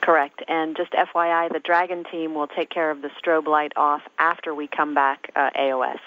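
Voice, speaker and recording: A man calling from mission control over a crackly space-to-ground radio link, calm, precise and procedural. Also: fairly high pitch, normal speed. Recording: tinny, dry radio line.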